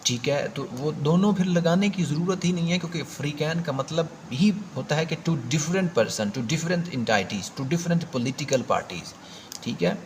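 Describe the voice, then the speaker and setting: A man's voice: a little high, expressive, moderate pace, slight background noise. A man with a Pakistani accent teaching an exam prep grammar lesson, explaining step by step and repeating key points with emphasis.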